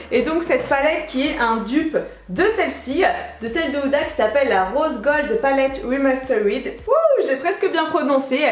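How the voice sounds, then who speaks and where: Excitable young woman doing a casual beauty vlog at her table, lots of room echo. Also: sits high. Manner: bubbly, chatty, excitable. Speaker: beauty vlogger. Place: indoor room at a makeup table. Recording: echoey room.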